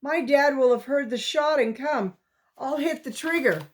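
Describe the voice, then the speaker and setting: A woman's voice: high-pitched, unhurried, voice pushed up. A woman voicing a dazed, scared older boy in a storybook reading, doubtful and protesting.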